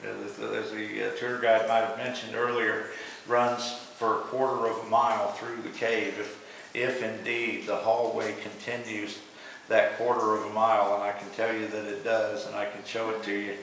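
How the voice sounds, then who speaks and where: A man with an American accent guiding a tour in a halting way, searching for words as he talks in an echoing cave. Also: on the low side, little pitch movement, gravelly, fairly bright tone. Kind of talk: guided tour talk. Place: inside a show cave. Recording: echoing cave, distant mic, faint noise.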